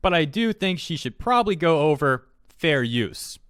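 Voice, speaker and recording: Here the YouTube commentary host has a fairly high, somewhat bright, clear and resonant voice with big pitch swings at a moderate pace. He reads tweets aloud and reacts in a mocking, sarcastic tone packed with pointed rhetorical questions, recorded dry and clean in a studio.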